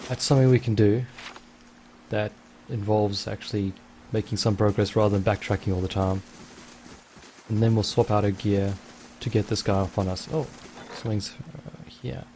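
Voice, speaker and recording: A man's voice: on the low side, steady tone, normal speed, darkish tone, slight background noise. A man casually commentating his own gameplay, rambling and thinking aloud. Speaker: let's play host.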